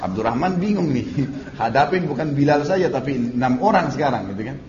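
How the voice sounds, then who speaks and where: A man's voice: mid-range voice, expressive, brisk. A man giving a religious study lecture, telling stories and acting out quotes, with casual tag phrases. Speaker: Islamic preacher. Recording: dull lo-fi lecture recording with faint hiss.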